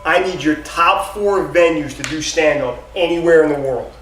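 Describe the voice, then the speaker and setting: A man's voice: on the high side, normal speed, over loud music. A man hosting an interview, asking upbeat, direct questions in casual chat. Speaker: interviewer, host. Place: theater. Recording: echoey, distant, noisy theater recording.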